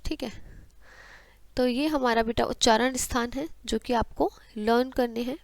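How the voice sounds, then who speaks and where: A woman's voice: fairly high pitch, fairly even intonation, a little slow, creaky, dry recording. Woman teacher drilling grammar. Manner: addresses students as beta, recites letters in drills. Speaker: Hindi teacher. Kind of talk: classroom grammar lesson.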